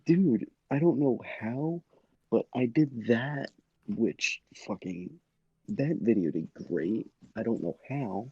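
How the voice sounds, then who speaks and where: A man's voice: mid-range voice, expressive, slow pace, breathy edge, no room sound, lo-fi sound. A man on a casual podcast, rambling through his own stories and laughing often. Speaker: podcast guest.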